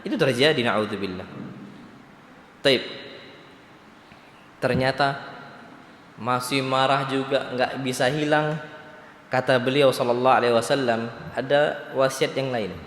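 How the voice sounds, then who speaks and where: A man's voice: mid-range voice, fairly even intonation, measured pace, pauses often, fairly bright tone, a little hiss or hum. A man preaching a sermon in a large mosque with a Palembang-region Indonesian accent, asking his audience questions and answering them himself, and quoting Arabic before translating it. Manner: quotes Arabic then translates. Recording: echoey mosque hall.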